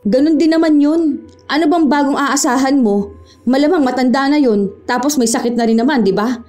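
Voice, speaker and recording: A woman playing a rude, haughty young town-hall clerk who talks down to people in a sharp, scornful way. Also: high-pitched, brisk, soft background music, close to an everyday voice. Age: young adult.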